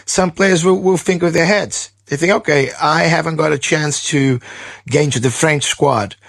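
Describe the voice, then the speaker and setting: Gravelly Brazilian-born male journalist. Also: on the high side, normal speed, fairly bright tone, no echo. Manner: thoughtful, many restarts. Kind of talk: interview answers.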